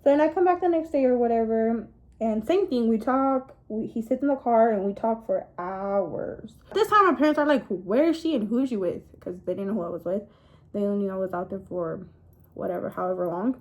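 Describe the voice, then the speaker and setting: Higher-pitched young woman dishing casual gossip. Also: brisk, low-quality recording. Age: young adult. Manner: gossipy, confiding, animated storytelling with girl-talk asides. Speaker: vlogger. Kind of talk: casual storytime chat to camera.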